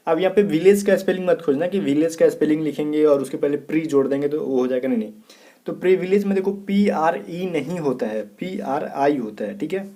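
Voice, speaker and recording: A man's voice: on the high side, dark tone. A man from India teaching an exam prep lesson, spelling words out letter by letter and checking in often with his students. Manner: repeats "theek hai" often, spells letters out slowly.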